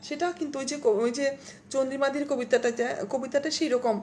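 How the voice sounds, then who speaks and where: A woman poet with a Bengali accent, reciting verse slowly and talking casually between poems on a live stream. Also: high-pitched, steady tone, mellow, slight background noise. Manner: slow, measured recitation broken by chatty asides to viewers. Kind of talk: poetry recitation and casual talk. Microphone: phone or laptop mic on a live stream.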